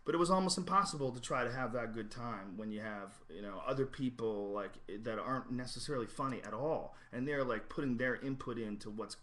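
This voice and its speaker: Middle-aged podcast host guy ranting a story, lots of swearing and "like", average pitch. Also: a little fast, hardly any pauses. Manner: profane, animated storytelling with frequent "like".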